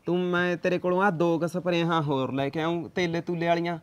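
A man's voice: fairly high pitch, flat delivery, a little fast, dry recording, lightly acted. A man with a Punjabi accent playing a young farmer in debt, pleading and making excuses to put off paying. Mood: evasive. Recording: dull dry lo-fi recording.

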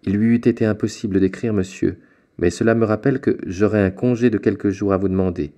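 A man voicing an earnest, respectful young sailor in an audiobook, speaking a little higher than his own narration. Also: steady tone, fast talker, dark tone, natural voice.

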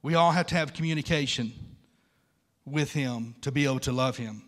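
A man in his 50s with a mid-range voice and moderate pace preaches from a wooden pulpit on a large church stage. His sermon is informal and conversational, and he repeats phrases for emphasis.

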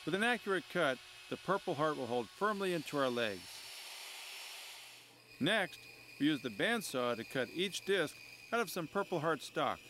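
A man giving scripted voice-over narration for a woodworking show, in a measured, instructive manner. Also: on the high side, big pitch swings, noisy background.

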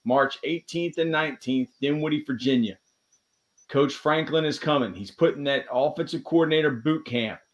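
A man's voice: a little high, moderate pace, muffled recording. Friendly man hosting over a video call. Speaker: podcast host. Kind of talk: casual interview chat.

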